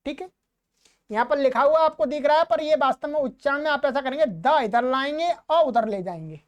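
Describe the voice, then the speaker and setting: A woman teaching Sanskrit verse recitation, chanting the lines slowly and then explaining pronunciation and repeating syllables for students to copy. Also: sits high, animated, muffled recording. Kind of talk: slow chanted recitation with quick spoken explanations.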